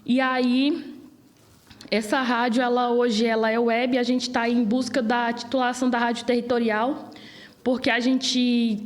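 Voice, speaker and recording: A high-voiced young woman in her twenties speaks with a Brazilian Portuguese accent. She makes her case with passion and energy, like a guest in an interview. Her voice sits well above most women's. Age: 20s. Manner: passionate, animated argument.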